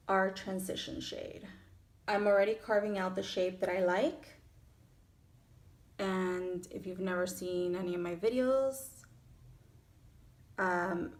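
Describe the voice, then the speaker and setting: A beauty vlogger in her thirties, a woman with a Miami accent, chats casually through a makeup tutorial in a small furnished room at home. Her voice is fairly low with vocal fry, and her manner is informal and self-accepting.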